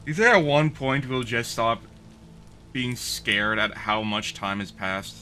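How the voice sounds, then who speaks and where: A man chatting casually over a game with a stream host, joking in a dry, deadpan way. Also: medium pitch, takes it slowly, faint music behind. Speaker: guest streamer. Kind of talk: casual gaming chat.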